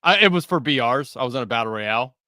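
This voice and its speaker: A man's voice: mid-range voice, animated, fast talker, pushed and bright, dry recording, studio quality. A man hosting a live-stream talk show, reading chat comments aloud with lots of "uh"s and frequent laughs. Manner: reads chat aloud, filler-heavy, laughs often. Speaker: podcast host. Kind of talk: casual live-stream banter.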